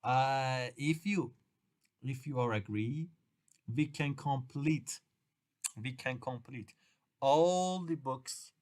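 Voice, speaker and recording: At an English exam workshop, a middle-aged Iranian lecturer speaks with a Persian accent, Persian being his first language. In a mid-range, slightly mellow voice, he stumbles along, restarting and repeating phrases with grammar that's uneven.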